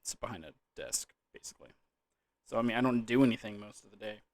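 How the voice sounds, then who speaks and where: A man's voice: on the low side, expressive, quick pace. Drunk young guy rambling about games, slangy n sweary, repeats himself, really dry sound no room echo. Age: young adult. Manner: drunken, loose rambling that trails off and repeats words. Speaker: gaming vlogger. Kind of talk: rambling casual chat about gaming.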